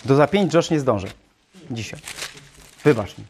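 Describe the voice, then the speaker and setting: A man's voice: medium pitch, expressive, normal speed, darkish tone, slight background noise. A man preaching a sermon, firing rhetorical questions at his congregation. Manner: self-described talker.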